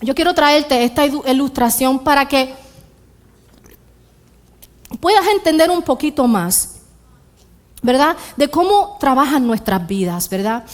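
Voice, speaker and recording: Puerto Rican woman preaching, high voice. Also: a little slow, pauses often. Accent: Puerto Rican Spanish. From Puerto Rico. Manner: animated, rhetorical questions, repeats key lines. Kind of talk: sermon.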